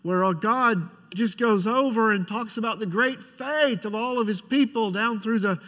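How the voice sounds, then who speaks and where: A middle-aged man preaching a church sermon in a conversational, pastoral way, with halting restarts as he tells stories and prays. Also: high-pitched, fairly bright tone. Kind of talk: church sermon with personal storytelling and prayer. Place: large church sanctuary. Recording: church hall with long reverb.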